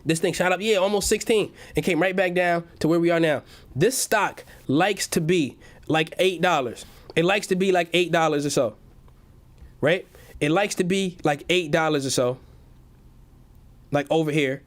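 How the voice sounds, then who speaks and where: A man hosting a live stock-market stream, chatting with his viewers in an energetic hype-man style. He repeats nearly every phrase and keeps calling his audience "baby.". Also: fairly high pitch, moderate pace. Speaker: stock market livestream host.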